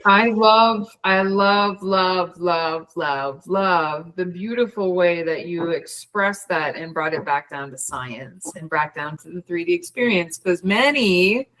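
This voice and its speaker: Gushing woman with a lowish voice. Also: takes it slowly, few pauses, fairly bright tone, rough recording. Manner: gushing, repeats words. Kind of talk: casual praise to a speaker.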